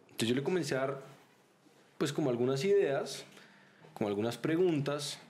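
A man who coaches, a guest on a podcast, answering in a measured way with a few hesitant restarts. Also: mid-range voice, animated, darkish tone. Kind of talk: conversational interview answers.

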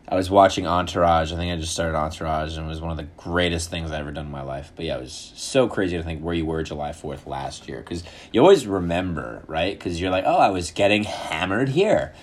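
Low-voiced young man rambling casually. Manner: loose, swearing, jumps into silly put-on voices. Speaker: vlogger.

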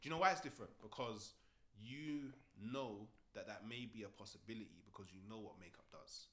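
A man's voice: fairly low pitch, brisk, a bit bright. A young man with a London roadman accent bantering casually in slang, often repeating himself for emphasis. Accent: London roadman (urban London slang accent).

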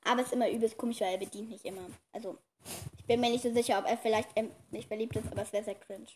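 A bossy, talkative girl of about eleven hosts a home podcast, her voice high and bright. She rattles on quickly and keeps scolding her younger sister. A faint hiss and small clicks sit under the recording. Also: fairly even intonation. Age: child, about 10 to 11. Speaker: podcast host. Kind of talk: casual kids' podcast chat.

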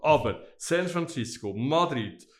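A man's voice: mid-range voice, expressive, unhurried. A man co-hosting an interview, asking questions with a teasing, joking edge. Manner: teasing, jokey. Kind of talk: interview conversation.

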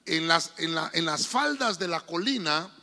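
A pastor preaches with fervor, his voice high, bright and gravelly. He speaks straight to the congregation in a church hall. Long reverb hangs on his words over faint music. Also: expressive, normal speed. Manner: fervent, addresses the congregation directly. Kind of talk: sermon.

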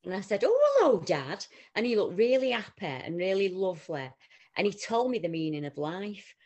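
A woman's voice: mid-range voice, fairly quick, a little mellow. A woman, chatting casually and telling family stories, acting out her relatives' voices. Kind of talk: casual chat.

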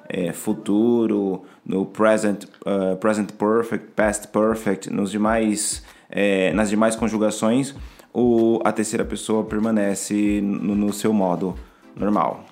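A man's voice: lowish voice, creaky, a little mellow. Man patiently explaining grammar. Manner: patient, explanatory, with frequent restarts. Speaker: English teacher.

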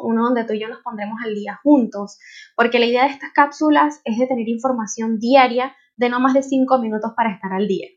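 Venezuelan woman hosting a podcast, muffled sound. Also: a little high. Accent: Venezuelan Spanish. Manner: earnest, personal, conversational. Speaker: podcast host. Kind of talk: podcast introduction monologue.

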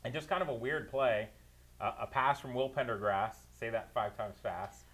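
A man's voice: medium pitch, normal speed, fairly bright tone. A man working as a producer and analyst, giving detailed, opinionated recaps of football games on a talk show. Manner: detailed play-by-play recaps, opinionated, laughs easily.

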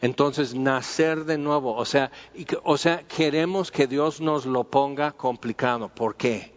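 A man teaches a Bible passage in an unhurried, conversational way, circling back and using plenty of fillers. His voice sits at a middle pitch. The recording is muffled and lo-fi, with a long reverb from a hall. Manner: informal, repeating himself and using many fillers. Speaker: preacher.

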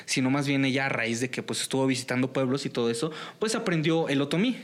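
A man's voice: mid-range voice, quick pace. A man with a Mexican Spanish accent hosting a casual podcast chat, talking with frequent fillers and restarts. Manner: hesitant, many fillers and restarts. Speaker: podcast host.

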